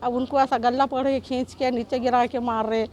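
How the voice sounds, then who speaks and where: A woman's voice: a little high, level tone, normal speed, darkish tone, a little hiss or hum. A middle-aged woman, giving an emotional news interview as a shopkeeper, urgent and pleading and repeating herself. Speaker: shopkeeper telling of an assault.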